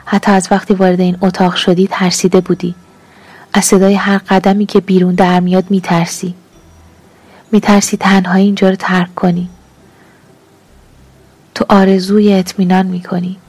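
A woman's voice: medium pitch, little pitch movement, long pauses, darkish tone, breathy edge, no room sound, lightly acted. A woman reading as a hungry, demanding young lover. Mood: angry. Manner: pleading then accusing, emotional.

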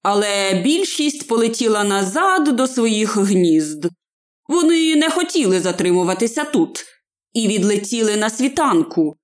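A calm old wizard, as a woman reads him. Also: mid-range voice, natural voice. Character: calm old male wizard, wise and reassuring.

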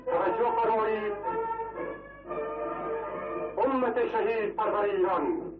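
A man reads a formal wartime bulletin in a solemn, measured, declamatory way. His fairly high voice comes through a tinny, phone-thin archive broadcast, echoey and distant, with music playing clearly behind him. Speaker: radio announcer. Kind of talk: formal wartime radio announcement.

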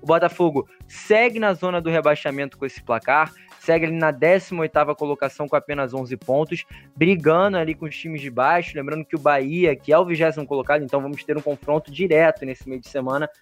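Higher-voiced Brazilian man hosting sports talk. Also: quick pace, hardly any pauses, soft background music. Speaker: sports show host. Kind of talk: conversational sports presenting.

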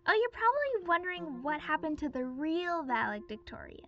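A woman's voice: sits high, sing-song, normal speed. A woman playing a smug, inhuman female cult leader giving a mock-sweet valedictorian speech, heard as if played from a cassette tape. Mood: gleeful smug. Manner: chirpy, mock-sweet, sarcastic asides. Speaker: stand-in valedictorian. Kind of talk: fan audio drama acting. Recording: dull lo-fi tape with faint music.

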